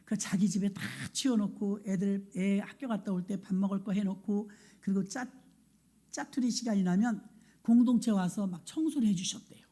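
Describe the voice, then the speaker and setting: A middle-aged woman pastor preaching, her voice mellow and warm rather than bright. She tells a story, slipping into the voices of the people in it, at a middle pitch. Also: moderate pace. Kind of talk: sermon.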